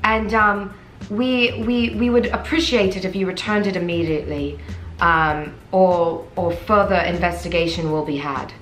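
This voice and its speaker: A woman's voice: on the low side, steady tone, echoey room, faint music behind, voice pushed down, lightly acted. A woman doing a pompous British ambassador. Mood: mock-official. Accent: put-on British. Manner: halting, mock-official. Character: pompous female government ambassador.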